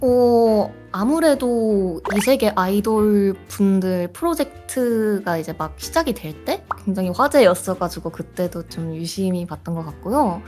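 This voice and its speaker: A woman's voice: medium pitch, animated, unhurried, few pauses, darkish tone. A woman speaking as an interview guest, answering casually and sometimes hesitantly as she thinks aloud. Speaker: interview guest, songwriter and virtual YouTuber. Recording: music playing behind. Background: background music.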